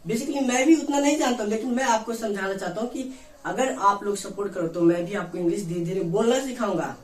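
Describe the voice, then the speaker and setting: A man's voice: sits high, a little fast. A man teaching an English grammar lesson, who asks his own questions and answers them, drilling each point over and over. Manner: repeats questions and answers them himself, call-and-response drilling. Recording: echoey room, mic far off.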